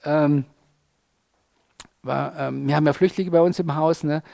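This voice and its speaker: Guy giving a sermon, chatty, keeps checking in with the crowd, slightly high voice. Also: steady tone, unhurried, creaky, mellow. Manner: casual, conversational preaching with frequent tag questions. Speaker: preacher.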